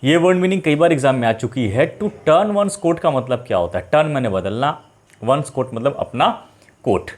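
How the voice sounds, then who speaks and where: A male teacher explaining English idioms for exams, asking the class questions and slowing down to read each phrase. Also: mid-range voice, expressive. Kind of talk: exam-prep idioms lesson. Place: online live class.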